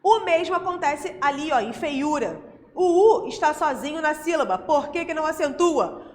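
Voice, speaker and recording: High-voiced Brazilian woman teaching. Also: animated, normal speed, long reverb tail, a little hiss or hum. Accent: Brazilian Portuguese. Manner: explains patiently, checks in with frequent tag questions. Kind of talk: recorded grammar lesson.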